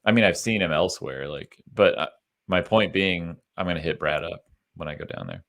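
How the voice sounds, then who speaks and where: Deep-voiced man with lively, snarky delivery. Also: fairly quick, vocal fry. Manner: lively, snarky, swears casually. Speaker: podcast co-host. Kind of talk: casual chat.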